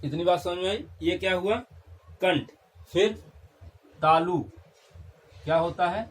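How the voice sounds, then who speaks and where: A man's voice: sits high, a little slow. A young man teaching a Hindi grammar lesson, repeating key terms and checking in with his class.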